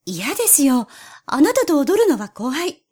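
A chirpy little female warbler, voiced by a woman reading a storybook who talks in a prim, teasing lilt. Her voice sits very high and leaps around playfully. She speaks slowly and daintily, like a tale told to children. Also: very animated, darkish tone. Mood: wary. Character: cheerful, wary female bush warbler.

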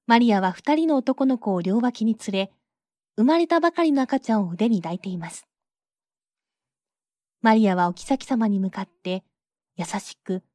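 Woman reading a fairy tale, mellow tone. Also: fairly high pitch, no echo. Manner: calm, measured reading. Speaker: storyteller. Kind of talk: storybook narration.

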